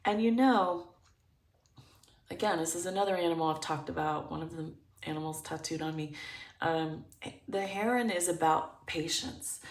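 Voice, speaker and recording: Leading a pick-a-card tarot session, this woman speaks low and slowly, musing aloud and stopping to hunt for words yet keeping a positive tone. She's recorded from a distance in a room with echo.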